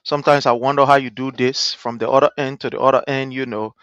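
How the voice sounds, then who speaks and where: A man with a Liberian accent hosting a livestream panel, speaking in a lively, rhetorical way and calling panelists brother. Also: mid-range voice, fast talker, no room sound, lo-fi sound. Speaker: host.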